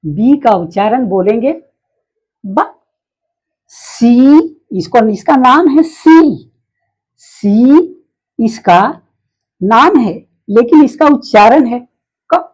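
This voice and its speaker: A woman teaches letter sounds to beginners at a slow, patient pace. Her voice has a husky, breathy edge. She keeps repeating herself and quizzing the listener as she goes. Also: a little high, lively intonation, darkish tone, poor audio. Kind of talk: phonics lesson.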